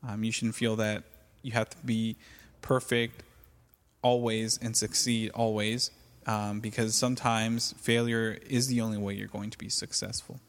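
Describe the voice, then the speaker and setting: A man's voice: on the low side, level tone, moderate pace, in a large hall. A man from California hosting a solo podcast, talking casually with many fillers and restarts. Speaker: podcast host.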